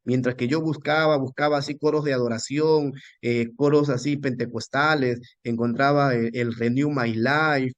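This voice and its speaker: A man, a pastor and missionary, telling a personal testimony with many restarts and lively quoting of his own words. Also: mid-range voice, no echo, muffled recording. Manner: halting with many restarts, animated quoting of himself. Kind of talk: storytelling testimony.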